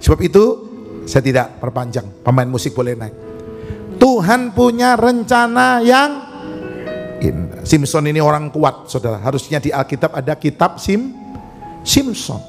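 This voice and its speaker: A man's voice: mid-range voice, animated, moderate pace, soft background music. A male pastor preaching a sermon, telling stories with jokes and asking the congregation questions. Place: church service.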